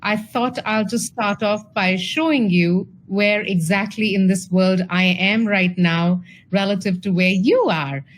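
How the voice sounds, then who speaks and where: A woman's voice: mid-range voice, a little slow, few pauses, rough recording. A woman from India giving an online presentation over a video call, chatty and full of fillers and restarts. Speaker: speaker at an online talk.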